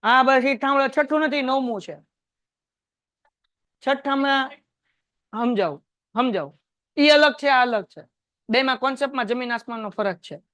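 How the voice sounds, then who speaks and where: High-voiced male teacher. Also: moderate pace, long pauses, pushed and bright, smooth, dry recording. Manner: chatty, quizzes students and tells anecdotes. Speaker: math teacher. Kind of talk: classroom lecture. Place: classroom with students.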